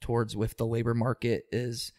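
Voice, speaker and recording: In this interview, a male employment supervisor talks at a moderate speed in a mellow, mid-range voice with a level tone. His explanations stay steady despite frequent ums and little restarts.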